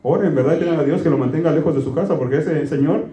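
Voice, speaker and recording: A pastor delivers a chatty, folksy sermon and keeps quizzing his listeners. His voice sits a little high yet sounds mellow and warm. The room around him is echoey. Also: quick pace. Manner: folksy, quizzes the congregation with questions. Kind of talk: conversational sermon.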